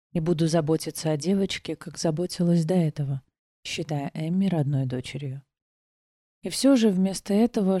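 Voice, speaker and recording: A woman reading a first-person novel aloud as an audiobook, quiet and restrained, acting out the dialogue. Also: lowish voice, no echo, studio quality. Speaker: audiobook narrator.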